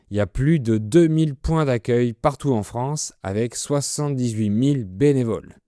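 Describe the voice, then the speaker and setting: A man's voice: medium pitch, warm tone, no echo, clean studio sound. A man presenting an explanatory lesson for language learners in a didactic way, explaining words simply. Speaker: French teacher presenting a listening lesson.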